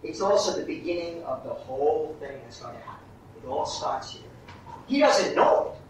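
Echoey acting coach, heard from afar. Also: male voice, fairly high pitch, very animated. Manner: coaching, halting, repeats words. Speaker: acting teacher. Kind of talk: master class coaching. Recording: distant echoey room, muffled, faint hiss.

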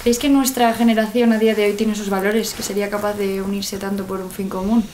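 Casting: woman interviewer, mid-pitched voice, faint background noise. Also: level tone, fast talker, darkish tone, rough recording. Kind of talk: interview questions.

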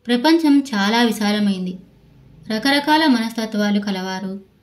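A woman narrator reading a novel aloud in a steady storytelling manner. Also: a little high, low-quality recording. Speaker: audiobook narrator.

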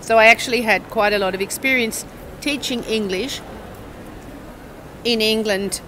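Woman, 60s, Australian accent, bright and chatty, rambling storyteller. Lapel mic, outdoor square, faint traffic. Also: on the high side, moderate pace, low-quality recording. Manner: rambling, self-correcting, checks in with the listener. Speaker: university English teacher. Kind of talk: casual interview, long storytelling answers. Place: outdoor cafe table on a town square.

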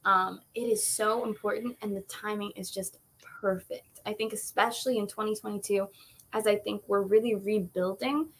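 A woman's voice: mid-range voice, steady tone, moderate pace. A woman guest in a casual interview, talking thoughtfully about her acting role with many fillers. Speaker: actress guest.

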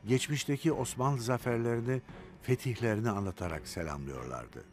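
Deep expressive documentary narrator, man. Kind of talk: scripted narration.

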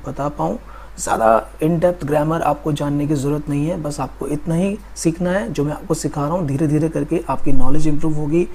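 A man with an Indian accent teaching spoken English, patiently explaining grammar and slowly drilling example sentences. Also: a little high, warm tone, a little hiss or hum. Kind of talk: Hindi-language English lesson.

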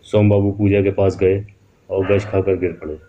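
A man narrating a scripted horror story in a slow, dramatic storytelling way. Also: low-pitched, little pitch movement, mellow, lo-fi sound, a little hiss or hum.

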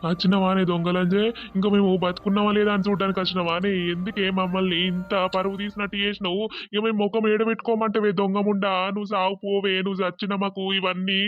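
A man voicing a middle-aged village father, loudly scolding and wailing in despair. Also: high-pitched, little pitch movement, quick pace, muffled recording, soft background music, close to an everyday voice. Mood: furious cursing.

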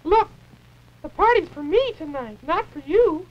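A very high, gentle little puppet. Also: male voice, lively intonation, measured pace. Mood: patient. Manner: patient, mildly exasperated. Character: gentle, sensible small male puppet. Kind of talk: 1950s live TV puppet show. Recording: dull early-1950s TV audio, faint hiss.

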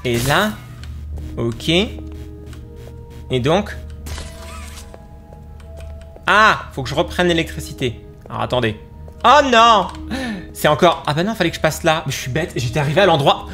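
A man doing excited let's play commentary, exclaiming and jumping up in pitch as he plays. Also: normal speed, pauses often, faint music behind. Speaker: gaming YouTuber.

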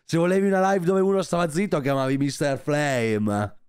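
A man's voice: fairly high pitch, steady tone, normal speed, heavy background noise. A man commenting live on a stream in a sarcastic, joking and crude way. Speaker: streamer reacting to a podcast.

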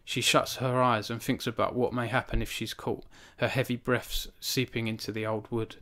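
Hosting a book launch stream from a small home room, a man reads aloud from his novel and then chats with live viewers through a studio microphone on a stand in front of him. His mid-range voice is flat, pushed and bright at a normal speed. In conversation he is earnest and self-conscious, with frequent restarts and fillers.

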